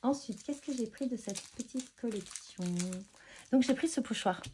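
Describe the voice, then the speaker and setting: A woman's voice: a little high, moderate pace, noisy background. A woman chatting casually as she shows her craft purchases, hesitant and full of fillers and restarts. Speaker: scrapbooking vlogger showing purchases. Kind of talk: casual show-and-tell chat.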